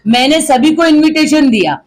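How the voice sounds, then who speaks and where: A middle-aged woman speaks as a local social activist being interviewed. She talks forcefully and with indignation, hammering her points home through repetition. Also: high-pitched, expressive, normal speed. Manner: forceful and indignant, repeats phrases for emphasis. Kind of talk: interview answers.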